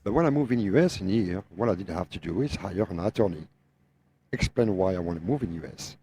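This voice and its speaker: Male, middle-aged, French Tennessee accent, native French speaker, low and soft-toned, emphatic podcast opinion talk, slight background noise. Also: expressive, fairly quick. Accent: French mixed with Tennessee. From France. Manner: emphatic, repeats phrases, non-native grammar. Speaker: guest truck driver, owner operator.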